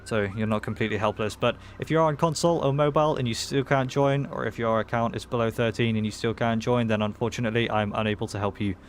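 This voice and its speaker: A man livestreaming a game in casual chat, talking in excitable bro-and-dude slang. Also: mid-range voice, quick pace, hardly any pauses, slight background noise. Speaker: live game streamer.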